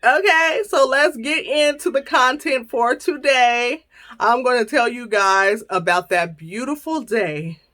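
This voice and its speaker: A woman in her thirties hosting her own vlog, chatting casually and playfully with viewers. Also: medium pitch. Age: 30s. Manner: lively, chatty, playful storytelling. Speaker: channel host.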